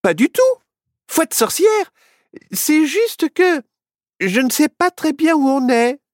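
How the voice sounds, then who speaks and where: A woman voicing a clever, cheerful little girl witch who speaks in excited exclamations in a children's storybook. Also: high voice, slow pace, no room sound, studio quality, pitched above the performer's own voice, full character voice.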